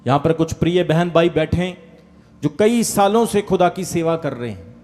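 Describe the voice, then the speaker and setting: A high-pitched man preaches a sermon at a live church gathering, rallying the congregation with calls of hallelujah and amen. Soft music plays quietly behind his voice. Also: expressive, normal speed. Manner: tells quoted exchanges and a village anecdote. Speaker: pastor.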